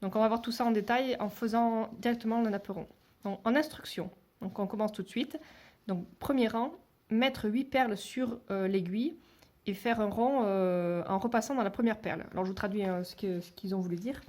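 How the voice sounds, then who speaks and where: A woman's voice: medium pitch, fairly quick, darkish tone. A woman giving a step-by-step beading tutorial, talking hesitantly with many fillers and restarts, and dropping to a near whisper while she counts beads. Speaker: beading instructor.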